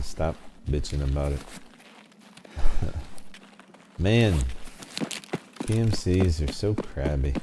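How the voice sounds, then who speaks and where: A man's voice: low voice, background noise. A man streaming a shooter game, keeping up a joking, teasing banter aimed at the opponents he meets. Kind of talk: casual gameplay commentary.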